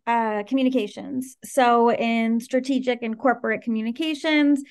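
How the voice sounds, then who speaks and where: Earnest, fairly high-voiced woman guest. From Venezuela and Washington DC area. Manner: articulate, earnest, animated. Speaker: guest, startup co-founder. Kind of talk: interview conversation.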